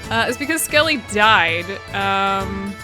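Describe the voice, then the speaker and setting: A woman's voice: medium pitch, lively intonation, slow. A woman casually commenting on gameplay as a let's play host, chatty and full of joking asides. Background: game music.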